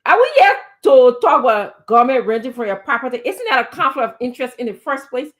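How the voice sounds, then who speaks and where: A woman's voice: high-pitched, sing-song, fast talker. A woman giving impassioned political commentary on a talk show, emphatic and indignant, with repeated words and pointed rhetorical questions. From Liberia.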